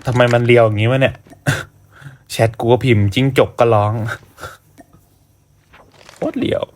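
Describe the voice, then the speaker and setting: A man giving casual, excitable commentary while playing a mobile shooter. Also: mid-range voice, a little fast. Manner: chatty, excitable, polite particles, exclaims at plays. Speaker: gaming YouTuber. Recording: gunfire noise behind voice. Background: game gunfire and sound effects.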